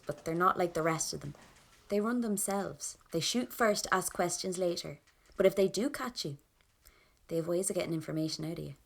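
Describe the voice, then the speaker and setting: An actress with a Dublin Irish accent narrates a 1920s audio drama in the first person, playing a tense, hardened young rebel woman. Her voice sits on the low side and carries vocal fry.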